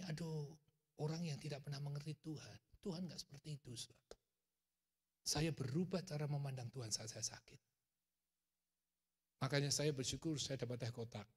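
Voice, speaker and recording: Husky-voiced man preaching in a reverberant church. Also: a little high. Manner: animated storytelling, shouting in acted quotes. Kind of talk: sermon.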